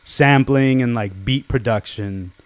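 A man's voice: mid-range voice, slow pace, very noisy. A man in his forties, a guest musician, chatting casually and rambling with lots of "like" and "you know". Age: 40s. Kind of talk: casual interview chat.

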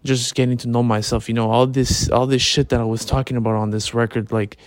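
Relaxed man lying down, flat even delivery. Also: medium pitch, a little fast, no room sound. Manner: informal slangy talk with swearing. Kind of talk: casual spoken late-night monologue, reflective. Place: in bed at home.

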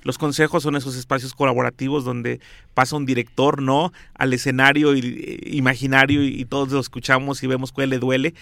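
A man's voice: mid-range voice, flat delivery, a little fast, gravelly, a bit bright, dry recording. A man with a Mexican accent hosting an interview, chatting in a friendly way and adding frequent affirming interjections. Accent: Mexican Spanish. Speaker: podcast host. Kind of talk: conversational interview.

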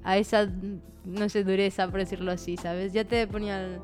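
A woman's voice: medium pitch, little pitch movement, moderate pace, darkish tone, faint music behind. Chatty Latin American woman guest. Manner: chatty, many fillers and "¿sabes?" tags. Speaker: podcast guest. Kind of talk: casual conversation.

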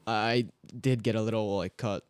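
Relaxed teenage guy with low voice. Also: normal speed, clear, resonant tone, no room sound, studio quality. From Hungary. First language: Hungarian. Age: teens. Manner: relaxed, rambling storytelling with fillers. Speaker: guest. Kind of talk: casual podcast chat.

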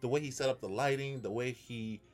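A man's voice: mid-range voice, brisk, soft background music. A man co-hosting a casual podcast chat, telling a story earnestly with lots of restarts. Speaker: podcast co-host.

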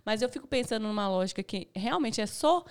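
A woman's voice: on the high side, expressive, fairly quick, smooth. A woman from Brazil, a mother and podcast guest, talking earnestly and thoughtfully about raising her baby. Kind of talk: casual interview chat.

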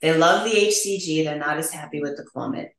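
A woman clinician explaining testosterone treatment options plainly in a podcast interview, with a practical manner. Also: deep voice. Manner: explanatory, practical, quick to laugh. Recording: roomy echo.

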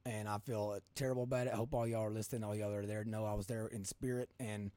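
A man with a Kentucky accent and a hoarse smoker's rasp, hosting a casual podcast in a folksy, rambling, colloquial way. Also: on the low side, little pitch movement, quick pace, dark tone, dry recording. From Kentucky, United States. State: hoarse from coaching. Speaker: podcast host.

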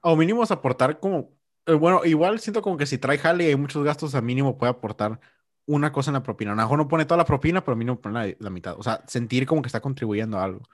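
A young man hosting a podcast, chatting casually and telling stories with lively slang. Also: mid-range voice, rapid-fire, no room sound, clean studio sound. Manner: animated storytelling with Mexican slang. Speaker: podcast host. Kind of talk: casual chat.

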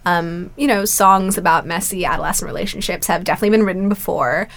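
A woman's voice: on the low side, fast talker, fairly bright tone. A young woman co-hosting a music discussion, reflecting on a song with casual fillers. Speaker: co-host.

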